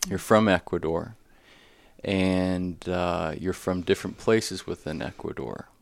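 This man has a low voice with a gravelly edge. He works through a formal introduction in a measured way before turning to interview questions. The sound is close and dry. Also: dry recording. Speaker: host and moderator.

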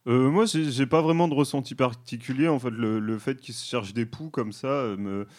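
A man in a casual discussion, answering in a halting, thoughtful way. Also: medium pitch, darkish tone.

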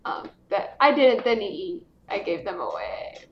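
A woman's voice: medium pitch, huge pitch swings, unhurried, echoey room, lo-fi sound. A woman appearing as a podcast guest and speaking in an easygoing way. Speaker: guest, biologist. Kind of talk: casual chat.

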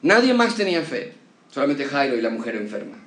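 A man preaching an expository sermon, emphatic and full of rhetorical questions, with a pace that swings from quick to slow. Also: medium pitch, sing-song, a bit bright, reverberant, far from the mic. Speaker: pastor.

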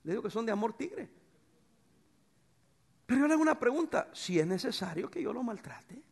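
A middle-aged man preaching a sermon as pastor, swinging between loud bursts and soft, tender passages. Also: very high-pitched, fairly quick, creaky, husky. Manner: animated preacher, swings from shouts to soft tones.

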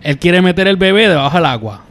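Young dude on a podcast, super animated voice, reads comments out loud. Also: male voice, sits high, fast talker. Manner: lively, reads out viewer comments. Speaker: podcast co-host. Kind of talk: casual chat.

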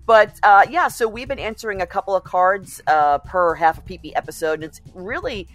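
A woman's voice: medium pitch, lively intonation, brisk, fairly bright tone. A woman co-hosting a casual adult podcast, chatty and self-deprecating, laughing easily. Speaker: podcast co-host. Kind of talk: casual chat.

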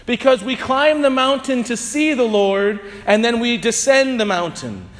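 A man serving as priest, reading the gospel and preaching a homily in a measured, solemn way, his voice ringing with cathedral echo. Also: very high-pitched, lively intonation, fairly bright tone. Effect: cathedral echo, long church reverb. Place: large church. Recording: long reverb from a large church.

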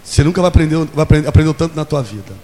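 A man's voice: a little high, expressive, racing, mellow. A man in his forties preaching a sermon in a church, leading call and response and acting out little scenes. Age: 40s. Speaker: pastor. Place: church hall. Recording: long hall reverb.

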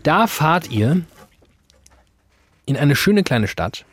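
Husky, teasing man on a dry-sounding podcast. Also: a little high, sing-song, slow, dry recording. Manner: dry, teasing, mock-lecturing. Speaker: podcast co-host. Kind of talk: casual banter. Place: podcast studio.

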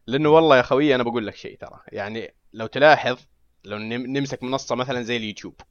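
A man's voice: mid-range voice, racing, no echo. A man co-hosting a podcast in casual chat, often checking that his listener follows him. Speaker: podcast co-host. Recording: dry, dull lo-fi sound.

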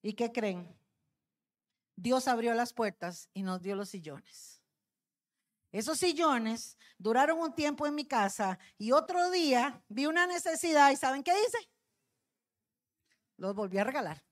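A woman's voice: a little high, expressive, measured pace, long pauses. A middle-aged woman, a pastor's wife, telling a testimony in a sermon and addressing the congregation as brothers.

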